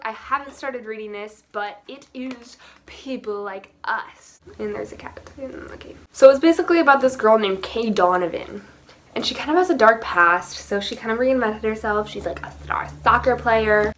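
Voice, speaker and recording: A teen book vlogger speaks in a medium-pitched, slightly bright voice over faint background noise. Her casual chat to camera about books is rambling and giggly, full of fillers.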